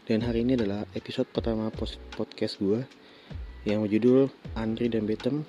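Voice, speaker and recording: A young man with a Jakarta accent speaks in a low, mellow voice with a noticeable lisp and slightly slurred articulation. He tells stories casually, like a solo podcast host, often correcting himself. The recording is dull and lo-fi, with faint music behind him. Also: steady tone, normal speed. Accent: Jakarta Indonesian. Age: 20s.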